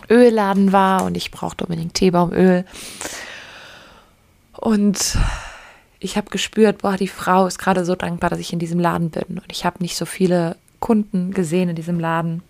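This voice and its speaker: A woman podcast host telling personal stories in a soft, often whispery, emotional way, close to tears. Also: mid-range voice, creaky. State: tearful. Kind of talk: personal storytelling.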